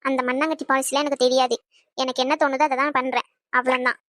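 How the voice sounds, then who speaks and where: A woman's voice: high-pitched, level tone, fast, a bit bright, no room sound, clean studio sound. A woman playing a sulky, proud young girlfriend in an audio drama romance. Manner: sulky, pouting.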